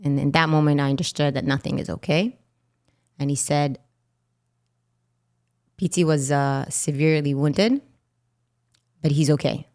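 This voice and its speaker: A woman's voice: low-pitched, fairly even intonation, measured pace, pauses often, darkish tone. A woman with an Israeli accent, a native Hebrew speaker in her thirties, recounting a personal story as a podcast guest and acting out the dialogue she quotes.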